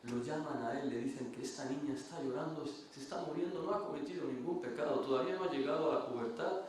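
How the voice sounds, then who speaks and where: A man's voice: a little high, quick pace, darkish tone, slight background noise. A man giving a religious lecture, telling stories earnestly and often repeating or restarting phrases. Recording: very echoey room, mic far off.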